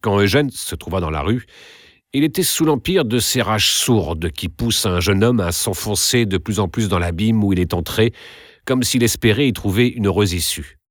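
A man narrating a classic novel aloud in an expressive, theatrical reading style. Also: on the low side, moderate pace, no echo, studio quality.

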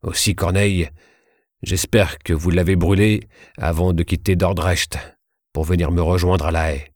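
A man's voice: low voice, steady tone, normal speed, darkish tone, dry recording, clean studio sound. A man voicing an anxious male statesman who urges his injured brother to flee, in a worried, pleading way. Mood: earnest.

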